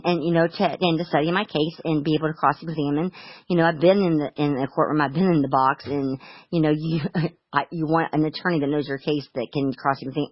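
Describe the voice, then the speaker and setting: A woman's voice: low voice, no echo, dull audio. A middle-aged woman talking casually on the phone about her sons, rambling with many restarts and stammers. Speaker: mother on a phone call.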